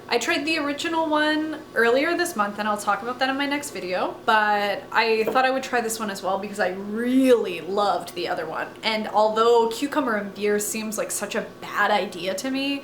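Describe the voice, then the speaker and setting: Young woman vlogger, chatty and self-deprecating, mid pitch, roomy echo. Casual home vlog. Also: a bit bright, a little hiss or hum. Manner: chatty and self-mocking, many "like" fillers. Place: living room at home.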